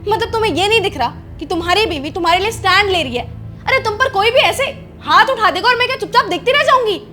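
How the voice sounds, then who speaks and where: A woman's voice: very high-pitched, lively intonation, quick pace, pushed and bright, faint music behind, full character voice. A woman playing an indignant young wife who confronts her sister-in-law in a scripted family drama. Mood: scolding. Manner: confrontational, scolding.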